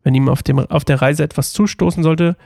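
A man voicing a grieving old father who refuses to let his son go, read slowly in a gravelly voice. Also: a little high, steady tone, a little mellow, dry recording, studio quality. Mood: lamenting.

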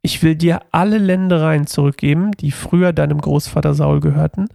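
A gracious ancient king speaks with a kindly, promising tone, as a man reads him aloud. The voice sits a bit high with a gravelly edge. It is dry and close, with no room sound. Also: brisk, mellow, no echo. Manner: read aloud with slight lift.

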